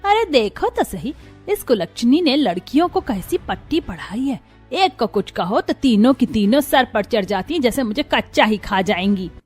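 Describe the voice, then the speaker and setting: In a cartoon, a woman voices a cruel middle-aged mother-in-law who is harsh, taunting, and scolding, over faint music. Her voice is on the high side and darkish in tone, slightly rough, with a sing-song lilt at a moderate pace.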